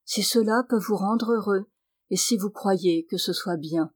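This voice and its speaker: A woman's voice: medium pitch, a little slow, close to an everyday voice. A woman reading a grieving young widow. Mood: grave.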